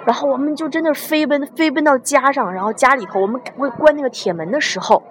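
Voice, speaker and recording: A quick, fairly high-voiced young woman from China tells a story in easy, chatty speech. She is animated and slips into the voices of the people she quotes. Faint background noise sits under her voice. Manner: lively, acts out quoted voices. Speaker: guest telling a story. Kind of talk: casual spoken storytelling.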